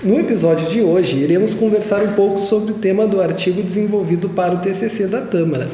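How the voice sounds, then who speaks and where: A man's voice: sits high, fast, dark tone, soft background music. A young man co-hosting a podcast, reading a prepared introduction steadily. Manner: reads a prepared text steadily. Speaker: co-host. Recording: echoey long-reverb lo-fi room.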